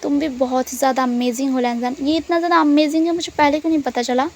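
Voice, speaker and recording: A woman's voice: sits high, steady tone, fast talker, a little mellow, slight background noise. A woman doing a shy, pleading young man.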